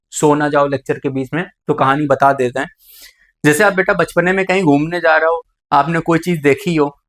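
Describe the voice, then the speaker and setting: A man with a slightly higher voice gives a classroom biology lecture. He talks to his students warmly as "beta" and keeps raising a question before answering it himself. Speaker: biology teacher.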